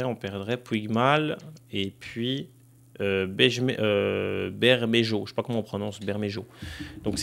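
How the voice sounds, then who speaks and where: This gaming streamer, a young man, offers loose commentary on his football career game, filler-heavy and aimed right at viewers as he thinks aloud. He speaks in a mid-range, fairly bright voice.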